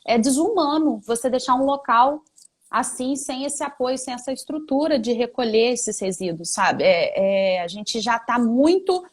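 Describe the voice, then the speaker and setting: A woman's voice: a little high, animated, measured pace. A woman hosting a live-stream interview, chatty and friendly toward her guest, with frequent conversational fillers.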